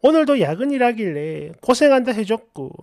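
A woman reads a reader's story aloud in the first person, acting out the quotes with feeling. Her pitch rises and falls in lively swings. The recording is close and dry. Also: normal speed, no room sound. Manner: expressive, acts out quoted lines. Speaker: story narrator. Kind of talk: dramatic reading of a reader's story.

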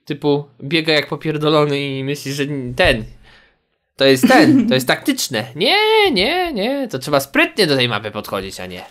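A man hosting a relaxed multiplayer game session, chatting and ribbing his friends with frequent laughs. His voice is bright and clear, and his pitch swings widely as he jokes around. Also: moderate pace. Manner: teasing, laughs often. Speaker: let's play host. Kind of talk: casual gaming chat.

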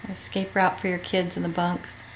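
A woman co-hosting a camper tour, chiming in with brief remarks and quick laughs. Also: on the low side, monotone, a little hiss or hum. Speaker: co-host. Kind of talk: casual chat. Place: inside a camper at an RV show.

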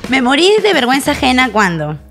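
A woman's voice: sits high, sing-song, fast, vocal fry, fairly bright tone. A woman co-hosting a casual comedy podcast, firing off teasing comebacks and laughing a lot. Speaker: podcast co-host.

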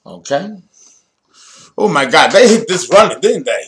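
Male astrology host, high pitched, playful and theatrical lecture delivery with jokey asides. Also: sing-song, a little slow, fairly bright tone. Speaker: astrology teacher and channel host. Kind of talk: animated video lecture.

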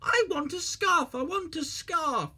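A reader voicing a cheeky, excitable little tank engine in a storybook, speaking high and chanting. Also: slow, exaggerated voice. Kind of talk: storybook reading.

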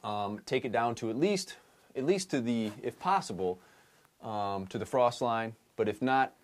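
An energy auditor in his thirties, with a mid-range voice and moderate pace, walks through an on-site home inspection in a relaxed manner full of fillers. It was recorded in a house basement, with the setting being the basement crawl space and attic.

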